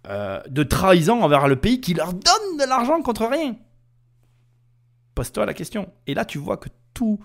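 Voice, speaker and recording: A man's voice: fairly high pitch, creaky, darkish tone. A man hosting a podcast, heated and indignant, talking straight to the listener. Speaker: podcast host. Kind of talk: ranting podcast commentary.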